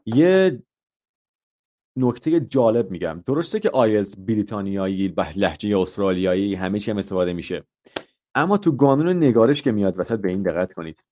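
A man's voice: on the low side, expressive, mellow, highs cut off. A man teaching an IELTS grammar lesson live, asking the class questions, explaining step by step and dropping in English example phrases.

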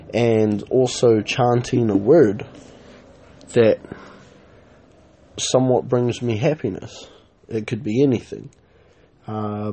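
Slow-talking man with a low, dark voice. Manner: relaxed, rambling, many fillers. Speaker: podcast host. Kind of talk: casual solo podcast talk.

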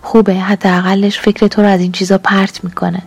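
A woman's voice: medium pitch, level tone, creaky, a little mellow, slightly rough, no echo. A woman reading as a hungry, demanding young lover. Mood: coaxing. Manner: pleading then accusing, emotional.

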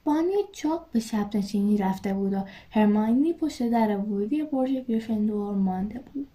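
A woman reading a storybook aloud with measured, expressive narration. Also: medium pitch. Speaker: reader.

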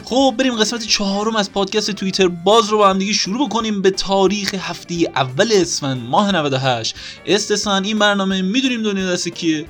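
A man hosts a comedy podcast in loose, excitable banter, often sounding exasperated. His voice sits high for a man, with faint music playing under him. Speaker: podcast host. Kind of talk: casual comedy podcast chat.

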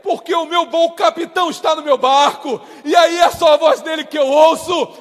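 A pastor preaching a passionate sermon, shouting at moments and dropping to soft, quiet tones. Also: male voice, very high-pitched, steady tone, normal speed. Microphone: streamed to viewers at home. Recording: long hall reverb.

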